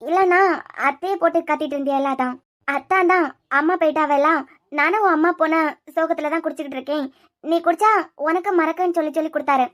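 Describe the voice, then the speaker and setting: Woman doing a squeaky earnest young woman. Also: fast talker, fairly bright tone. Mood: pleading. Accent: Kanyakumari Tamil. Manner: pleading, explaining. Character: earnest young woman defending her aunt. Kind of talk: cartoon serial voice acting.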